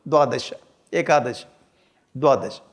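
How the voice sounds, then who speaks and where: A man with a South Indian accent giving an informal scripture lecture, speaking in an animated, humorous way and repeating key phrases. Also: mid-range voice, measured pace. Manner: animated, repeats phrases, light chuckling humour.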